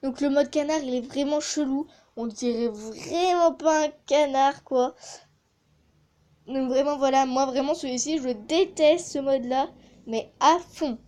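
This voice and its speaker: A chatty woman talks casually for her gaming channel. Her voice sits high but sounds mellow and warm. She pauses often to hesitate as she thinks. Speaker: gaming YouTuber testing a voice changer app. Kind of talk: casual vlog commentary.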